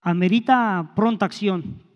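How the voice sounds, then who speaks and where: A man's voice: high voice, a little slow, highs cut off. A man preaching a sermon in a conversational way, with hesitant restarts and rhetorical questions. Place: church hall. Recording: long hall reverb.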